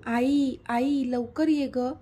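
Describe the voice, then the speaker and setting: A woman voicing a worried younger sister, soft-spoken, anxious and caring. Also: high-pitched, steady tone, measured pace, slightly rough. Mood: calling out.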